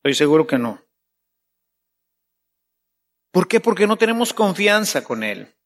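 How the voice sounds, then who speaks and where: A high-pitched man delivers a sermon at an unhurried pace. He slips into playful voices to act out prayers and then settles back into teaching. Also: sing-song. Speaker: preacher.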